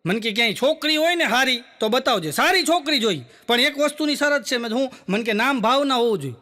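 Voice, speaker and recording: Stand-up comic, male, chatty storyteller, very high pitch, a sharp, bright tone. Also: expressive. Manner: chatty joke-telling, quick quoted dialogue. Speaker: stand-up comedian. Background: audience laughter.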